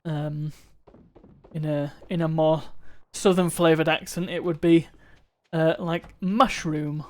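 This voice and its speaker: A man's voice: a little high, little pitch movement, a little slow, darkish tone. Rambling man streaming a game. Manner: rambling, musing aloud with restarts and chuckles. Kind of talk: casual live-stream chat while gaming.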